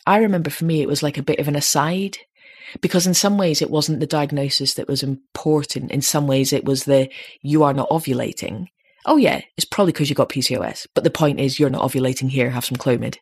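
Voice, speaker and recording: Slightly rough and slightly deep, this woman's voice belongs to a late-thirties podcast host in casual conversation. When she makes a point, she gets visibly animated.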